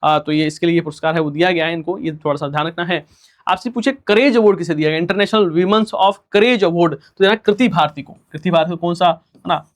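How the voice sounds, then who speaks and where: High-voiced man teaching a quiz class. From India. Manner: rhetorical questions and repeated answers, student-style replies; fast-talking. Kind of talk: recorded exam-prep lecture.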